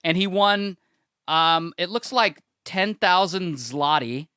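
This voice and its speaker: A man's voice: high-pitched, slow, bright, forceful tone, clean tone, no echo. A man from the United States co-hosting a casual podcast, talking with dry, joking asides. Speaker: podcast co-host.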